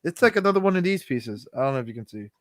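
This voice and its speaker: Young man, excitable, quick talker, bouncy pitch, dry close sound. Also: no echo. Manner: excitable, chatty, trails off while rummaging. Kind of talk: casual chat.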